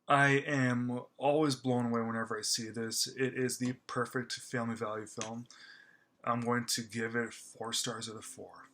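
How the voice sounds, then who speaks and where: This movie reviewer is a man whose mid-range voice sounds fairly bright but is delivered flatly. Casual and gushing, he stammers through his film review, halting often with fillers and starting sentences over.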